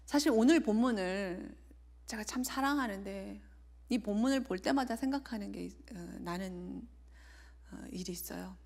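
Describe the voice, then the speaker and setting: A woman's voice: mid-range voice, moderate pace, vocal fry, a little mellow. A woman in her forties, an evangelist, preaching and sharing a personal testimony in an earnest way, often sinking to a near whisper.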